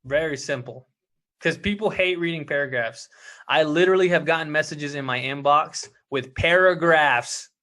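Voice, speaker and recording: A man coaching his team in an emphatic, energetic way, often saying "look" and "okay". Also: fairly high pitch, normal speed. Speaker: team leader coaching members. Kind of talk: motivational sales coaching talk.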